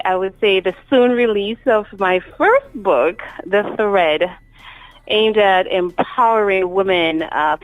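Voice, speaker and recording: Jamaican woman with a low, dry voice. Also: no echo, phone-quality sound. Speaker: guest author. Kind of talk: interview answers.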